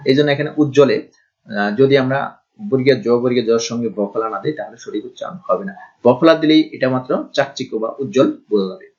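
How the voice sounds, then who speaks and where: Man teaching slowly on a dull recording. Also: medium pitch, a little mellow. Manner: slow, deliberate, repeats example words. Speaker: Bengali grammar tutor. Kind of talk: online pronunciation lesson.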